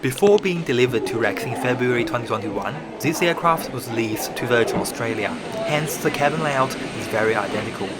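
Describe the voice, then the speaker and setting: A man's voice: mid-range voice, lively intonation, brisk, few pauses, very noisy. A man reading scripted voice-over narration for a flight review. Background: loud background music.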